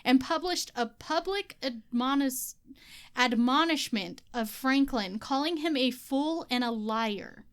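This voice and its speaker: Female podcast co-host, high voice, laughing, swearing, reads research notes. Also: slow, fairly bright tone, clear, resonant tone. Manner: laughs often, casual swearing. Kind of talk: casual chat, reading research notes.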